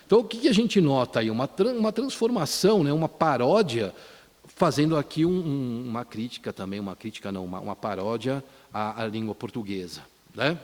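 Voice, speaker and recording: A man's voice: mid-range voice, animated, brisk, a little mellow. A man giving an academic lecture at a conference, often ending phrases with a tag question and restarting words. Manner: frequent tag questions and restarts, quotes lyrics. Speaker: conference speaker. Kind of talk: academic lecture on popular song. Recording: reverberant hall.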